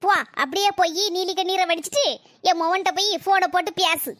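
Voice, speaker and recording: A woman doing a shrill old mother-in-law. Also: steady tone, a little fast, fairly bright tone, no echo, studio quality. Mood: angry. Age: older. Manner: sarcastic, nagging, scolding. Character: bitter old mother-in-law, quarrelsome, self-pitying. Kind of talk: family quarrel skit acting.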